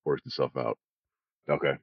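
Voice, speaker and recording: A man's voice: very deep voice, steady tone, normal speed, creaky, no room sound. A man heard over a video call, chatting casually about a movie, laid-back, with lots of "like" and "you know". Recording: dull lo-fi video call audio.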